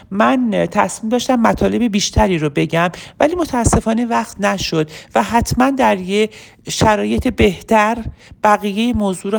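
A woman's voice: medium pitch, creaky. A middle-aged woman teaching public speaking. She asks rhetorical questions and acts out sample speeches to make her points. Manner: animated, rhetorical questions, plays out example speeches. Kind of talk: teaching talk, addressed to listeners.

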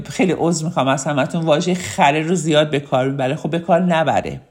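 A woman's voice: fairly low pitch, a little mellow. A woman teaching an online lesson on public speaking in a friendly, chatty way, with fillers and frequent laughs. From Ramsar, Iran.

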